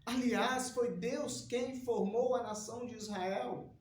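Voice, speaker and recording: A man's voice: extremely high pitch, steady tone, takes it slowly, slight background noise. A man preaching a sermon and praying with an earnest, emphatic delivery. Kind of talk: sermon with opening prayer. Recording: echoey room.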